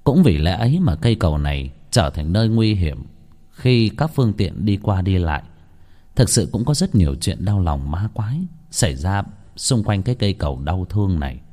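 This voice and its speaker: A man narrates a village ghost story in a dramatic, expressive way. His voice sits low but rises and falls widely. The telling is scripted and paced for suspense. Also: moderate pace.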